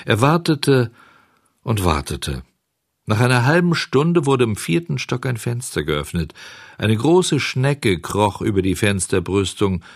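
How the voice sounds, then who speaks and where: A man narrating a children's story in an expressive, lively reading style. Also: medium pitch, measured pace, no room sound, studio quality. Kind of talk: audiobook storytelling.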